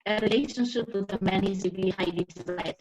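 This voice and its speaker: A woman's voice: mid-range voice, a little fast, darkish tone, husky. A woman speaking as a panelist in an online discussion, earnest and restarting often, over a video call connection that keeps breaking up. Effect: choppy, breaking-up video call connection. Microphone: video call microphone. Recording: dull lo-fi video call audio.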